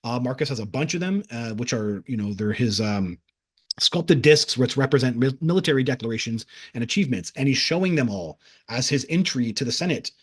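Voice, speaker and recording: Here a man's voice sits at medium pitch, slightly rough, animated and a little fast. He tells of a past-life vision in a loose, rambling way, restarting often, leaning on fillers, and sometimes voicing a crowd.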